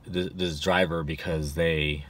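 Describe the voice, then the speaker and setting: A forties-aged rideshare driver talks to the dash cam of his parked car, offering rambling, casual advice full of fillers and restarts. His voice is extremely low yet fairly bright in tone, steady and measured in pace.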